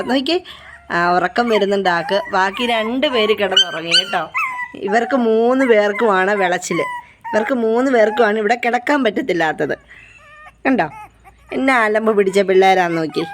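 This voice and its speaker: A woman vlogging about her puppies in a casual chat, coaxing them softly and repeating herself. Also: medium pitch, background noise. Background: puppies whining.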